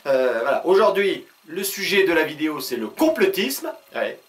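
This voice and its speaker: A man's voice: fairly high pitch, sing-song. A man hosting his own video channel in a casual comic monologue, rambling with many hesitations and frequent chuckles. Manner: talks fast.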